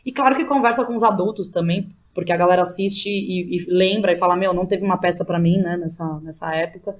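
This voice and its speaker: A fast-talking Brazilian woman with a fairly low-pitched voice appears as an interview guest on a casual podcast. A playwright and theatre director, she chats informally, using slang and frequent tag questions.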